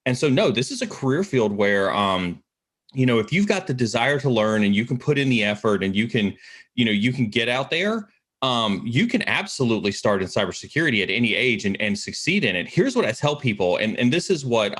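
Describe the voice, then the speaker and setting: A man's voice: lowish voice, a bit bright. A man speaking as the guest expert in a casual interview, talking enthusiastically and often repeating words as he starts a thought.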